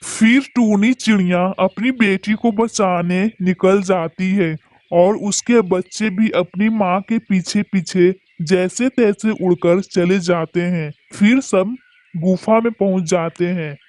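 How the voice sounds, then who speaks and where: A man narrating a children's cartoon in a plain storytelling way. His voice sits fairly high and is recorded close and dry. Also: slow pace, a little mellow, dry recording.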